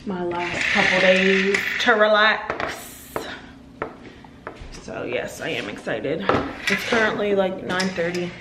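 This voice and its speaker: A woman's voice: mid-range voice, takes it slowly, heavy background noise. A young American woman chatting informally to the camera, using slang and repeating phrases for emphasis. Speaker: vlogger. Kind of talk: casual chat to the camera.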